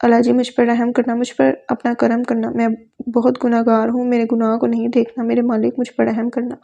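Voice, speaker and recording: A woman's voice: a little high, monotone, vocal fry, dark tone, lo-fi sound. Woman reading as a young woman pleading in prayer. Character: young woman praying tearfully for her beloved.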